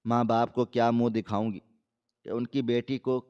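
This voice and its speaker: A male storyteller reading a first-person drama in a steady, dramatic way. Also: mid-range voice, smooth, lo-fi sound.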